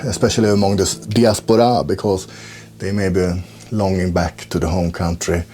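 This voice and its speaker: A man's voice: sits low, steady tone, normal speed, dark tone. A man teaching a music lesson, explaining chords step by step and counting beats aloud. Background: guitar playing.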